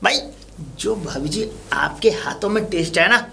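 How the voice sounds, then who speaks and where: A man's voice: sits high, lively intonation, brisk, sharp tone, a little hiss or hum, exaggerated voice. A man playing a flirty joking neighbor in a village comedy film, giggling often. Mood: flattering. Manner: giggles often, playful double meanings.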